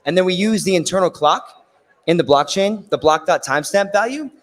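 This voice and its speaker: A man with a raspy, worn voice giving a technical conference presentation, explaining things step by step and often checking in with "right?". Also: high-pitched, brisk. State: losing his voice. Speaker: conference speaker. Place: conference stage in a large hall. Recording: long hall reverb.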